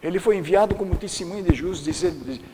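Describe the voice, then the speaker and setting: A man's voice: sits high, lively intonation, quick pace, big-room sound, noisy background. An older man, a pastor, giving a folksy sermon lecture that rambles and searches for words.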